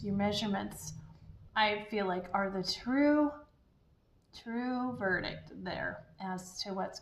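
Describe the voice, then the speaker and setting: A woman talking casually and encouragingly to her viewers as a diet vlogger, in an upbeat, chatty way. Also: mid-range voice. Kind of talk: casual chatty vlog talk. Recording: echoey room.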